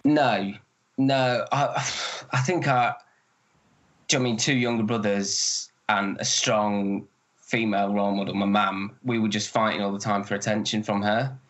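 A man's voice: fairly low pitch, steady tone, normal speed, a bit bright, highs cut off. A man who is an actor, talking in a casual interview and telling stories with lots of restarts. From northern England. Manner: chatty, rambling with restarts. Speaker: actor, guest.

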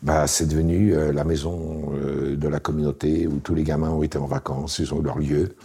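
Casting: man, late 60s, low voice, very husky, relaxed wry storyteller. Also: brisk. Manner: relaxed, wry, anecdotal with frequent fillers. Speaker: interview guest, founder. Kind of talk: casual storytelling interview.

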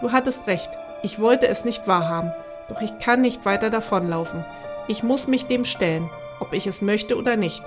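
Read by a woman, a stern middle-aged father growls his orders in a gruff, harsh voice. It is an audio story for families, and clear background music plays under him. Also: mid-range voice, normal speed, natural voice. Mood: resolute.

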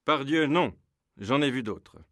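An actor playing a brave young troubadour knight who speaks in a declamatory, courageous way in a storybook recording. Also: male voice, medium pitch, measured pace, no echo, studio quality, close to an everyday voice. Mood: earnest.

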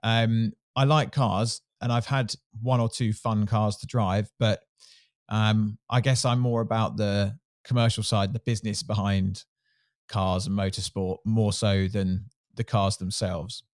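A man's voice: on the low side, fairly even intonation, measured pace, no room sound, studio quality. A middle-aged man from Surrey with a southern English Home Counties accent, answering interview questions in a casual, candid, self-deprecating way. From Surrey, England. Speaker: interview guest, sports marketing executive.

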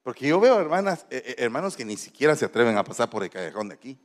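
A man's voice: mid-range voice, very animated, fast. A man, preaching to a congregation and teasing them with questions. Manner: playful, teasing, coaxing questions. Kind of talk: interactive sermon with congregation. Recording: long hall reverb.

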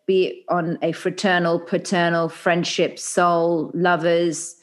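A woman guest in a casual conversation, talking in an animated, chatty way and acting out little quotes. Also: on the low side, slow. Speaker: podcast guest.

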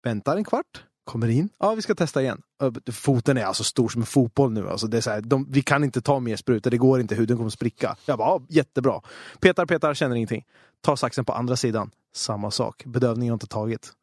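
A young man telling a story in casual podcast chat, animated and full of swearing. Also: medium pitch, no echo, studio quality.

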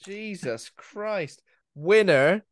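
A man's voice: sits high, animated, drawn-out words. A man, co-hosting a podcast in casual, giggly chat. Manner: giggly, playful, trailing off. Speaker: podcast co-host.

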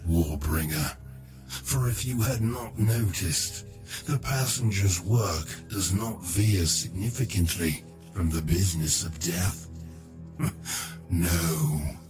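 A man voicing a hulking undead giant who calls himself death, speaking in slow, grave, menacing pronouncements. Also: low voice, music in the background, voice pushed down.

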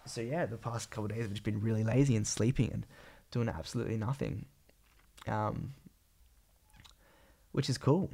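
Croaky, phlegmy young Australian man. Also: lowish voice, normal speed, long pauses, mellow. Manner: rambling, slangy, swearing casually. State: sick with a cold, voice partly gone. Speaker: podcast host and vlogger. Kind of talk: casual solo podcast catch-up.

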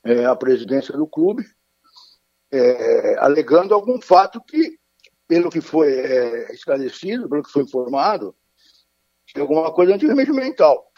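A man's voice: fairly high pitch, sing-song, normal speed, a little mellow, no echo. A man speaking formally as a radio guest over a choppy phone line that keeps breaking up, with frequent hesitations. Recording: muffled dry phone call.

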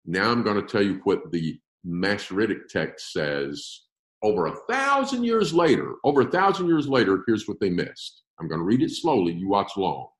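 A man teaching a Bible class, explaining texts with emphasis and slowing down to stress key words. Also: fairly low pitch, big pitch swings, reverberant. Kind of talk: classroom-style Bible lecture.

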